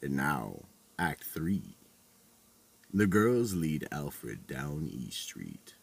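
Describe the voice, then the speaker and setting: A man hosting and narrating scripted horror as a theatrical, sinister horror host, with a gravelly, husky voice and drawn-out delivery. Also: a bass voice, big pitch swings. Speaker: host and narrator of a horror audio drama series.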